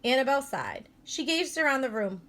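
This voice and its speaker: A woman elementary school teacher reading a children's chapter book aloud in a clear, steady storytelling manner. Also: sits high, brisk.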